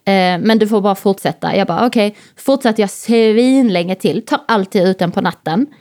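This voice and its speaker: Woman telling stories in casual chat. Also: mid-range voice. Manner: animated storytelling, swears freely. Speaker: podcast co-host.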